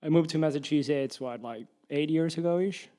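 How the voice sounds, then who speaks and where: A man from Mexico, a guest in a casual chat, with a somewhat higher voice. He speaks in an easygoing way with dry humor. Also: moderate pace, warm tone.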